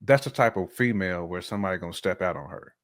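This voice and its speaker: A low-voiced American man talks at a quick pace as co-host of a casual relationship podcast. He gives emphatic opinions, repeats his points, and acts out imagined quotes.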